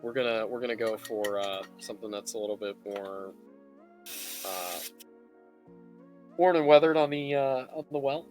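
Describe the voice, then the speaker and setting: A mid-range, slightly mellow male voice moves at a moderate pace with long pauses. He hosts a livestream painting tutorial and explains things in a casual, chatty, easygoing way, with music playing behind him.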